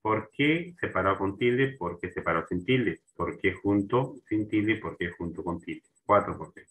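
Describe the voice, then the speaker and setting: A man's voice: sits low, fairly bright tone, poor audio. A man teaching a grammar lesson, repeating terms and checking in with his students as he goes. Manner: slow and repetitive, restarting words and asking for agreement.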